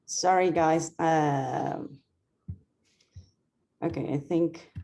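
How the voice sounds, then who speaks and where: A woman's voice: deep voice, steady tone, drawn-out words, gravelly, dark tone. A woman presenting as an operations lead over a video call, friendly and a little hesitant. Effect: heard over a video call. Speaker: guest speaker, operations lead. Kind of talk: webinar presentation.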